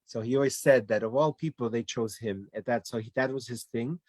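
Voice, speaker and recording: A Danish man with a medium-pitched, fairly quick voice is a guest in a casual online interview. He tells his family story in a rambling way, full of restarts and fillers.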